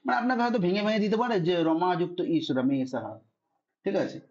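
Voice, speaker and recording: His voice is high and fast, with big swings in pitch and a darkish tone, captured on lo-fi audio. In an online Sanskrit grammar lesson, the man explains rules with patience and checks in often with a repeated "ঠিक আছে" to see whether students understand.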